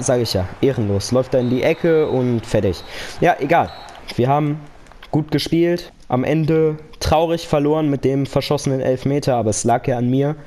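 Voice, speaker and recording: A man's voice: mid-range voice, mellow, a little hiss or hum. A young man giving casual, slangy live commentary on a football video game, with earnest pep talk mixed in. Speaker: gaming YouTuber.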